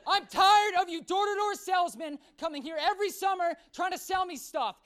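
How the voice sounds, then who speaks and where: A man voicing a furious male homeowner who shouts at a salesman to get off his porch. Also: very high voice, fairly quick, voice pushed up. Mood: furious yelling. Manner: shouting, enraged.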